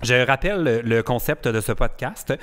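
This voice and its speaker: A man with a Quebec French accent hosting a podcast in casual chat, animated and laughing often as he mimics phrases. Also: medium pitch, moderate pace. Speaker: podcast host.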